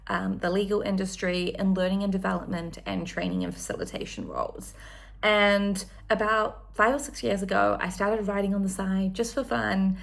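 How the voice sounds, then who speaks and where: A woman's voice: mid-range voice, creaky, a bit bright. A woman in her thirties, from New Zealand, chatting enthusiastically in a casual one-take vlog with frequent ums. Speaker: vlogger.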